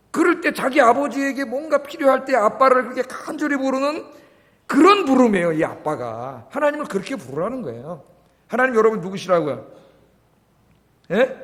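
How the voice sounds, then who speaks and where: A man's voice: high-pitched, a bit bright. A middle-aged man preaching as a pastor, often asking the congregation questions and acting out calls. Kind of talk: sermon. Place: church sanctuary. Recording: long church reverb.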